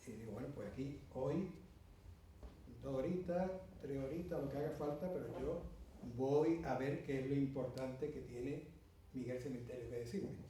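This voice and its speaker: Speaking at a moderate pace with a warm, medium-pitched voice, this middle-aged conference speaker from Andalusia, Spain, has an Andalusian Spanish accent. His storytelling talk winds through a long anecdote with many asides and fillers, recorded from afar in a roomy hall with slight background noise.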